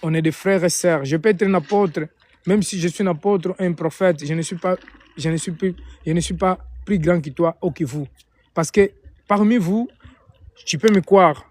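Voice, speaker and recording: With a high, darkish voice at normal speed, this Angolan man speaks with an Angolan Portuguese accent, Portuguese being his native tongue. He leads informal preaching and prayer on a live stream, frequently repeating himself and rewording lines.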